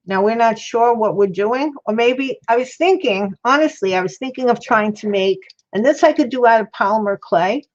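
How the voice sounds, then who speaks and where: A woman's voice: a little high, normal speed, few pauses. Toothless-sounding woman rambling over crafts, dull sound. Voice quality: toothless, slightly mushy articulation. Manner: rambling, thinking aloud. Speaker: craft livestream host. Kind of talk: casual chat while demonstrating crafts. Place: indoor craft worktable.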